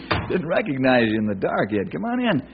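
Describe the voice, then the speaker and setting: An actor playing a friendly, helpful ranger hero with a husky voice and hearty, neighborly manner in a radio western. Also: male voice, mid-range voice, wildly swooping pitch, fairly quick, noisy background. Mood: hearty, welcoming. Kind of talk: old time radio western acting. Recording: dull old radio recording.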